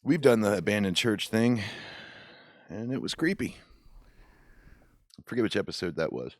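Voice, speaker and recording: A man's voice: on the low side, expressive, normal speed, no room sound, studio quality. A man hosting a podcast, reading listener stories aloud and joking casually with a co-host. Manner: laid-back, jokey, swears casually.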